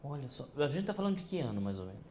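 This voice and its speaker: A man's voice: medium pitch, big pitch swings, very fast, warm tone. A man in his fifties hosting an interview, asking questions in a conversational way and often starting with a hesitant "é". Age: 50s. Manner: conversational, leading with filler "é". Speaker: TV interview host.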